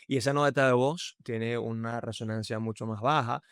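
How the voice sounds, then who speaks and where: Here a podcast guest, a Venezuelan man with the accent to match, keeps a steady, smooth tone at normal speed in a dry, studio-quality recording. His conversational explanation of communication is emphatic, with shifts in pitch and volume used as demonstrations.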